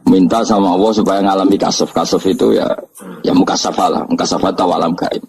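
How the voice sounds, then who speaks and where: Javanese-accented man preaching with humor; low, husky, chuckling storyteller. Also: fast talker, rough recording. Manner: storytelling, chuckling, lively asides. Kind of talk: humorous religious lecture.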